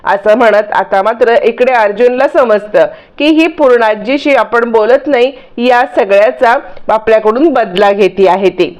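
A woman narrating a spoken recap of a TV serial, telling it briskly with fillers. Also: fairly high pitch. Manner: fast storytelling with fillers. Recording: dull lo-fi recording.

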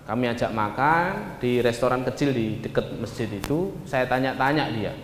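Male Indonesian storyteller, animated, long hall reverb. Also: medium pitch, moderate pace, background noise. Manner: lively, addresses listeners as "Pak", acts out dialogue. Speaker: speaker recounting a journey. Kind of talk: storytelling talk to an audience.

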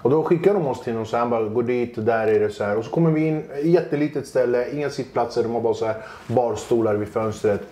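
Brief: male comic guest, medium pitch, animated anecdotes, roomy kitchen sound. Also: hardly any pauses. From Sweden, Kurdish family roots. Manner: tells anecdotes, acts out quoted voices, laughs often. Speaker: stand-up comedian guest. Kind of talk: casual chat, animated storytelling.

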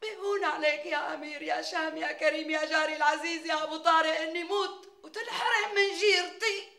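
A wailing scheming Damascene neighbor. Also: female voice, sits high, quick pace, creaky, reverberant, full character voice. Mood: pleading. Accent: Damascene Syrian. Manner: wailing, flattering, wheedling. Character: scheming melodramatic middle-aged neighbor woman. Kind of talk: TV sitcom acting.

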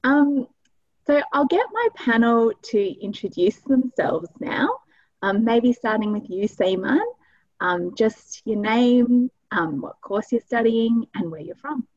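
A young Australian woman hosts a casual panel over a video call, chatty and friendly with plenty of ums. Her voice sits at a middle pitch and sounds dry and close. The call audio is slightly dull. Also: expressive, takes it slowly, darkish tone, dry recording. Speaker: host, student recruitment manager. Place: small room indoors.

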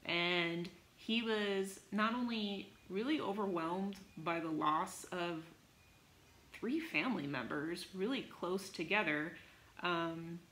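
A young woman teaching music online, telling a story in a chatty, animated way with many fillers. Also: lowish voice. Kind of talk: casual online music lesson. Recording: echoey room with faint background hiss.

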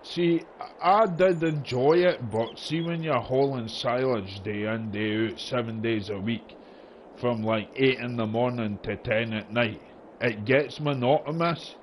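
A man's voice: medium pitch, a little slow. A man with a broad Scottish accent chatting casually, telling rambling stories in a colloquial way. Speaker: gamer chatting during a farming game session. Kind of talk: casual chat. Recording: dull lo-fi voice chat with noise.

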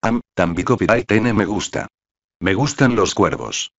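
This is an impulsive, chatty young woman, read by a man in his own low voice. The lines come out flat and even, like a screenplay read aloud. The sound is dull and lo-fi. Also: measured pace.

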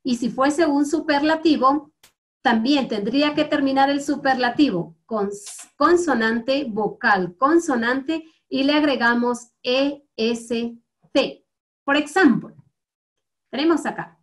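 Speaking in a high voice, this teacher with a Guatemalan Spanish accent leads an English lesson for young learners. She goes slowly and with patience, saying each word again so the children can repeat it and keep up.

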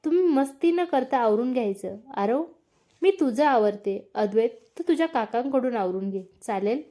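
A woman reading the lines of a shy young woman in a romance story, in a soft and polite way. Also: on the high side, lively intonation, moderate pace, natural voice.

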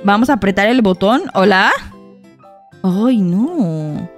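A young woman giving excitable Roblox gameplay commentary, talking to her viewers and shrieking when startled. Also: medium pitch, takes it slowly, soft background music. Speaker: gaming YouTuber.

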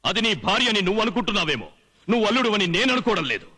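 A man's voice: sits high, very animated, rapid-fire, sharp tone, breathy edge, heavily acted. An actor playing an outraged father who sarcastically scolds his eloped daughter and her new husband in a comedy film scene. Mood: indignant.

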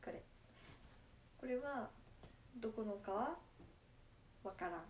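A young woman with a Nagasaki dialect chats playfully and laughs often as she answers her viewers. Her voice sits a little high, and a faint hiss of noise runs under the talk. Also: lively intonation, slow pace. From Japan, Nagasaki. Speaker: idol livestreamer. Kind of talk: casual livestream chat.

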